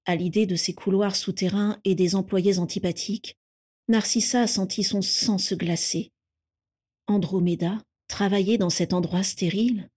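A woman reading a fan fiction story aloud in a steady, calm narrating voice. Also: medium pitch, moderate pace, slightly rough.

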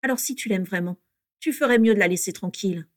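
A woman's voice: medium pitch, fast talker, no echo, studio quality, lightly acted. A woman reading aloud voices a proud, defiant teenage boy who talks with cool mockery.

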